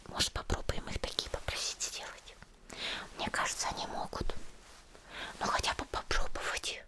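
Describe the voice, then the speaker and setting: A woman performs a whispered ASMR roleplay, talking softly to the listener. She is gentle, caring and unhurried, and she uses affectionate diminutives.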